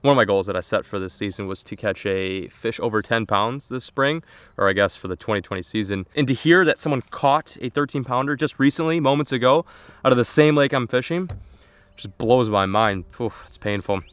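A young man with a brisk, medium-pitched voice, a bit bright and smooth with no echo, vlogs casually from a small lake boat to his action camera. The fishing vlogger stays upbeat and self-mocking, thinking out loud.

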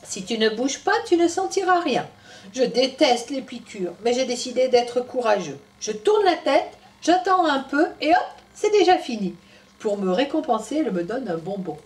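A woman teacher reads a children's story aloud in a lively, sing-song voice that rises and falls a lot. She stops now and then to explain things to the little ones. The voice is picked up from a distance. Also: fairly high pitch, normal speed. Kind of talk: reading a picture book aloud to young children. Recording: voice from a distance off the mic.

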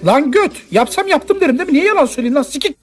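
Guy putting on a high whiny schoolboy wizard, mouthy and indignant, parody dub. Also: animated, rapid-fire, faint music behind. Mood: whiny, defensive.

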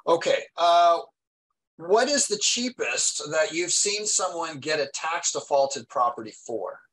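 A man's voice: on the high side, lively intonation, measured pace, fairly bright tone, slight background noise, low-quality recording. A middle-aged man on a headset asking agreeable follow-up questions in a video call interview.

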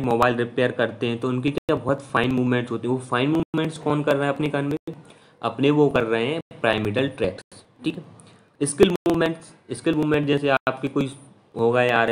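Male lecturer, casual explainer tone, mid-range voice, keeps asking "okay?". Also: mid-range voice. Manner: chatty teaching, constant "theek hai" check-ins; mixes English terms into Hindi speech. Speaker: physiology lecturer.

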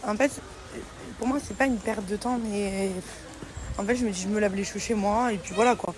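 A woman's voice: mid-range voice, brisk. A young woman vlogger and mother chatting casually to camera, repeating words and using many fillers. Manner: chatty, repeats words, fillers, warm toward her daughter.

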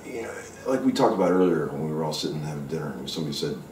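A man's voice: rumbling low, animated, rapid-fire, darkish tone, slight background noise. A man who is a guest, talking casually and frankly in a home kitchen, rambling a bit and swearing now and then. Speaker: session guitarist guest. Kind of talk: casual interview talk. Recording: roomy kitchen sound from a distant mic.

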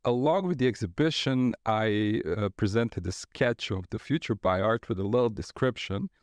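Laid-back man, fairly low voice. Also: normal speed, clear, resonant tone, dry recording. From Croatia. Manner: relaxed, rambling with frequent fillers and laughs. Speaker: guest artist. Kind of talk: casual interview talk. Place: studio.

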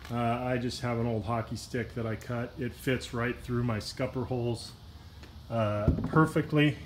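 A man's voice: mid-range voice, a little hiss or hum. Laid-back man rambling behind a phone camera. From Washington state. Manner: relaxed, rambling, lots of uh and you know. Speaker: kayak fishing vlogger. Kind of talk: casual walkaround vlog. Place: outdoors beside a pickup truck by a brick wall. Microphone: handheld phone camera, filming himself off-screen.

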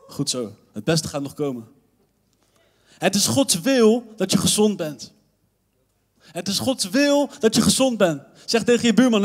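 Young Dutch youth pastor, lively sermon with playful asides, reverberant church hall. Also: male voice, sits high.

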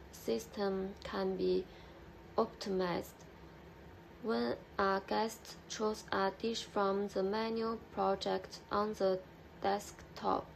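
A young woman presents for a class over a webcam, reading her notes slowly and with care. Her voice is heavily gravelly with deep vocal fry. A faint hum sits behind her. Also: darkish tone, rough recording. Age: young adult. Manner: slow, careful reading with restarts. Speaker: student presenter.

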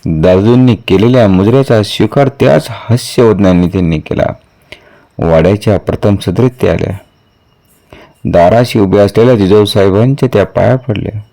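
A man reading a historical novel aloud in a measured, steady storytelling manner. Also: on the low side, vocal fry. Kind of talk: audiobook narration of a historical novel.

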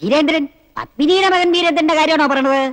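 An actor playing an old, doting, slightly befuddled great-uncle in a film comedy. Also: male voice, very high voice, fast, a bit bright, dry recording. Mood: curious. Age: older.

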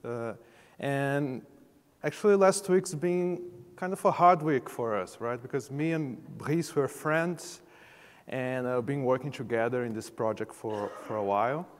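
A man's voice: mid-range voice, measured pace. A man from Brazil giving a friendly, chatty introduction on a conference stage. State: jet-lagged. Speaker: conference speaker. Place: large conference hall stage. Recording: reverberant conference hall.

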